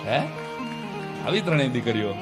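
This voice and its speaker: A man telling humorous stories on stage to a wedding crowd, lively and quick to switch into character voices, recorded through a stage microphone. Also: medium pitch. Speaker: folk comedian performing at a family wedding event. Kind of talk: humorous stage storytelling to a live audience. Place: large event hall with an audience. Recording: reverberant hall, faint music behind.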